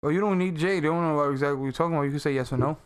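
Animated, clear-voiced New York man. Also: on the high side, very fast. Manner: animated, talks over others, laughs often. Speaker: podcast co-host. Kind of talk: casual chat.

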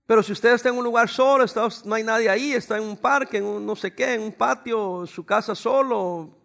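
A man's voice: very high voice, brisk, vocal fry, fairly bright tone. A man preaching as a pastor, talking to his congregation in a conversational way and acting out short exchanges. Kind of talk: sermon.

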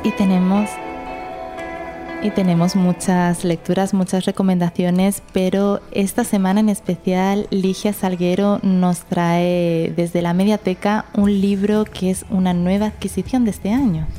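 A woman's voice: mid-range voice, flat delivery, measured pace, dark tone, faint music behind. A woman with a Salvadoran Spanish accent hosting a reading segment in a casual, chatty way.

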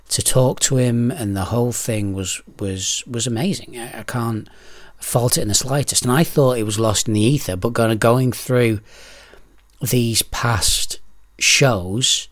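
A man's voice: medium pitch, dry recording. A man in his thirties chatting casually as a solo podcast host, hesitant, rambling and self-deprecating, swearing freely. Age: 30s. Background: clicking of discs being handled.

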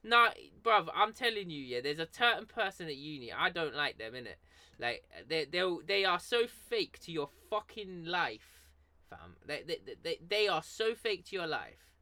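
Man, twenties, Essex estuary English accent, sharp bright tone, casual sweary chat, emphatic repetition. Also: fairly high pitch, very animated, normal speed, no echo. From Essex, England. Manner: emphatic, repetitive phrasing with London street slang.

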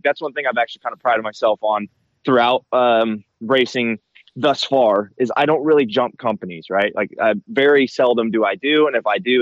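A man's voice: medium pitch, a bit bright, no echo. A man giving casual, slangy interview answers as a racer, often checking in with "right?", talking through headphones used as a mic. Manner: informal, slangy, frequent check-in tags like "right?" and "you know". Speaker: motocross racer being interviewed. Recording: slightly dull, dry headphone-mic sound.

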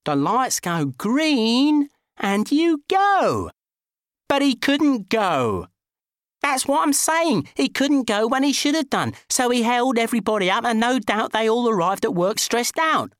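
A man reading an audiobook and voicing a cheeky, stubborn young flatmate who turns sulky or indignant. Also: high-pitched, unhurried, no echo, studio quality, voice pushed up, exaggerated voice.

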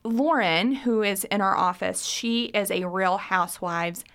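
A woman hosting an interview podcast, asking brisk questions and giving frequent short, encouraging acknowledgements. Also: mid-range voice, a bit bright, smooth. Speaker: podcast host. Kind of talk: casual interview.

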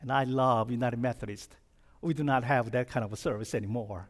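A middle-aged pastor from South Korea talks fairly quickly in a mid-range voice, his Korean accent evident as he gives a chatty, humorous sermon. He keeps it conversational by asking the congregation questions.

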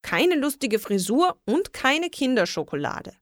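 A woman voicing a kind, childlike female witch in a children's story, speaking in a higher, plaintive and excited way. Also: measured pace, creaky, no room sound, clean studio sound, exaggerated voice. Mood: glum.

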